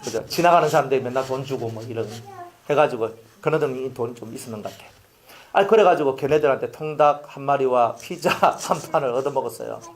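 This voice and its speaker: A man's voice: medium pitch, fast talker. A middle-aged man, preaching a sermon as pastor, telling stories and asking the congregation rhetorical questions.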